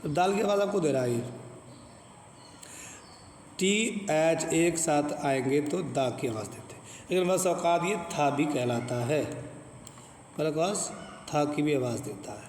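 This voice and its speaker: A man's voice: fairly high pitch, expressive, a little slow, pauses often, darkish tone. A man with a Pakistani Urdu accent teaching an English pronunciation lesson, speaking patiently, repeating words and asking questions. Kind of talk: classroom lesson explaining pronunciation rules. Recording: echoey room with long reverb, faint ambient noise.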